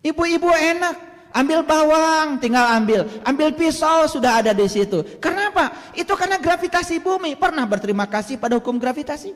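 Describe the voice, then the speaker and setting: A man with an Indonesian accent delivers a sermon in a strikingly high voice, swinging from loud bursts to near whispers. He slows to chant Arabic verses, and his words ring out with a long hall reverb. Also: lively intonation. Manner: dramatic, swings from loud to hushed. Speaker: religious teacher.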